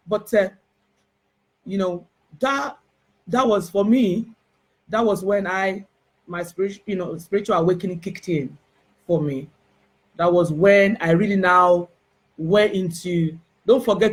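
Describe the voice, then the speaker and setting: A woman with a Nigerian Yoruba accent telling a personal spiritual testimony in an emotional, halting way, full of restarts and fillers. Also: fairly low pitch, husky. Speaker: spiritual herbalist.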